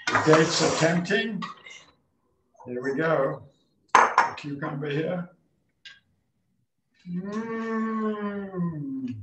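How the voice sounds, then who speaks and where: Slow-speaking man off-mic. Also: sits high, far from the mic, background noise. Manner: slow, measured tasting remarks. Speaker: husband tasting the food. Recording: echoey room, away from the mic.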